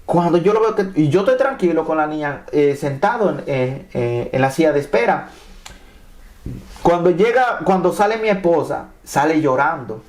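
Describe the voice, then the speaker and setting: This is a man from Mexico, a native Spanish speaker, telling his own immigration story as a testimony. His voice sits a little high for a man. He keeps circling back and restarting his phrases as he goes. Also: expressive, moderate pace. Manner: repeats and restarts phrases, acts out quoted dialogue. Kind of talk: animated personal testimony.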